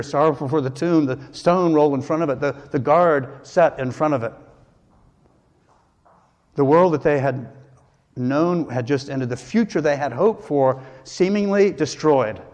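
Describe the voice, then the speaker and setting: A man preaching an earnest, emphatic sermon as pastor, with dramatic pauses. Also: mid-range voice, a little mellow. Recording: long hall reverb.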